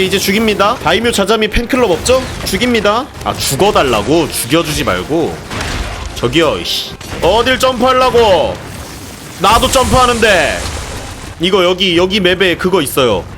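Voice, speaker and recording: A man streaming a video game in casual commentary, excitable and often swearing and yelling in frustration. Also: high voice. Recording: game music loud behind the voice. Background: game music.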